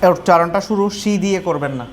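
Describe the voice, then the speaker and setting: A man with a Bangladeshi accent and a slightly high voice leads a classroom pronunciation lesson. He explains patiently, says each word slowly and repeatedly, and mixes English phrases into his speech, with faint background noise underneath.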